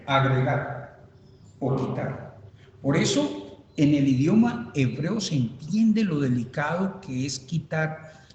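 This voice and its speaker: A man, a pastor, teaching a Bible study in a church, speaking haltingly and emphatically, repeating points as he writes them on a board. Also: on the high side, darkish tone. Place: church hall. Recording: reverberant church hall.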